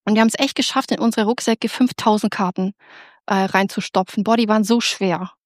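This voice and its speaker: A woman telling an audience a lively personal faith story, excitable and full of restarts. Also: medium pitch, brisk, no room sound, studio quality. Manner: animated, excitable, with many restarts. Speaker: speaker giving a personal faith testimony.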